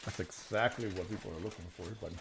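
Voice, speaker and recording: A man's voice: deep voice, fast, background noise. A male gaming streamer giving casual commentary, thinking aloud and cursing mildly as he plays. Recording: clear game audio underneath. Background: game sounds of birds and countryside.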